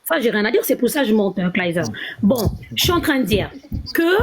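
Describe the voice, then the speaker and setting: High-pitched woman in a live stream debate, keeps hammering the same question, phone call sound. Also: big pitch swings, fairly quick, a crowd in the background. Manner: insistent, repeats her questions.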